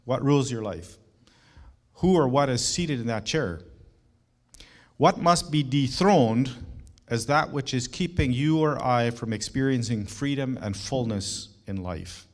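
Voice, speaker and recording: A middle-aged man delivers a sermon with earnest, emphatic conviction. He leans on rhetorical questions and turns to the congregation with warm personal asides. His voice sits at an ordinary middle pitch for a man. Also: unhurried. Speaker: pastor.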